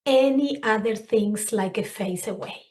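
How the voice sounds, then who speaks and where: A middle-aged Spanish-accented woman, who comes from a Spanish-speaking country and speaks English as a second language, is a guest on a podcast in her role as a counselor. She talks in a mid-range voice without hurrying, earnestly and expressively, pausing to find words in this conversational interview.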